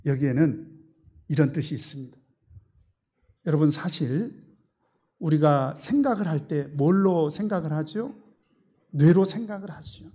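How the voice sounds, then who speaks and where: High-voiced emphatic male pastor preaching. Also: animated, measured pace, pauses often, slightly rough. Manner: emphatic, with large swings between loud and soft; asks the congregation rhetorical questions. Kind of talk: sermon.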